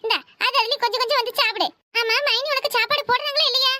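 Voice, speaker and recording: A woman's voice: very high voice, fairly even intonation, noisy background. A woman voicing a scheming, bossy young married woman in a cartoon, talking with a Kanyakumari Tamil accent. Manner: bossy, scolding, fast chatter. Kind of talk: cartoon voice acting.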